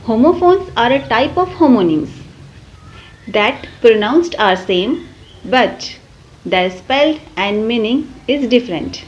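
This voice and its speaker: A woman teacher giving a grammar lesson, reading English definitions slowly and then explaining them in Hindi. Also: fairly high pitch, a little mellow, muffled recording, a little hiss or hum.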